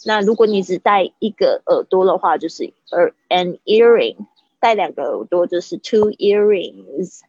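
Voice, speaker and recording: A woman's voice: mid-range voice, a little mellow, breathy edge, no room sound, highs cut off. Chatty woman teaching English words. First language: Chinese. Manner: chatty, repeats words slowly to model pronunciation. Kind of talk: livestreamed vocabulary lesson.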